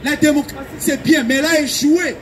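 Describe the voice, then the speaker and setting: Fairly quick and steady in tone, a very high male voice belongs to a man from Belgium giving a fervent evangelistic sermon outdoors. He is urgent and exhorting, driving points home by repeating phrases, over slight background noise.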